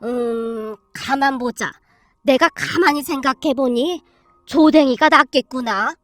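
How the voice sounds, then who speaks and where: A woman voicing a stern, bossy old grandmother who drawls commands in a rough tongue, read as a storybook. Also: high-pitched, unhurried, fairly bright tone, dry recording, faint music behind, voice pushed down. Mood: stern coaching.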